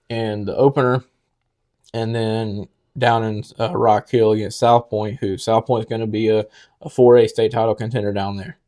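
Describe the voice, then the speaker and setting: A man's voice: mid-range voice, warm tone. A man co-hosting a sports podcast, arguing his opinions on rankings with confidence. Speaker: podcast co-host. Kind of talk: casual sports talk.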